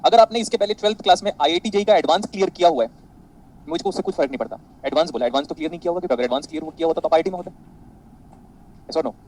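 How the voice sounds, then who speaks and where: A man teaching an online physics class, animated and boastful, quizzing his students constantly. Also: on the high side, racing, low-quality recording.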